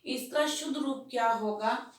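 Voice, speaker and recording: Slow, patient woman teacher in echoey room. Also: high-pitched, distant mic. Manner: slow, patient, asks and answers her own questions. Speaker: school Hindi teacher. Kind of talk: classroom lesson explanation.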